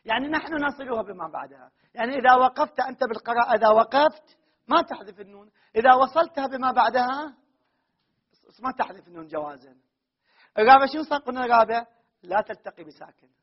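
A man lectures on grammar in a very high, husky voice, repeating each key term and firing rhetorical questions at his students before answering them. The recording is dull and lo-fi. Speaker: grammar teacher. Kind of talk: classroom lecture.

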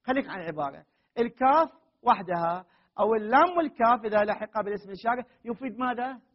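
A man's voice: high-pitched, lively intonation, fast. A man teaching a grammar lesson to a class, reading a text aloud and often stopping to question and correct his students firmly. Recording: muffled, dull classroom recording.

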